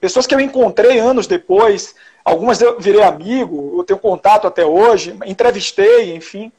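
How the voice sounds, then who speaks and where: At normal speed, a man with a high-pitched, darkish, slightly rough voice tells stories as a journalist guest in a casual interview. He is from Salvador, Bahia, Brazil, speaks with a Bahian accent, and often restarts and uses tag questions.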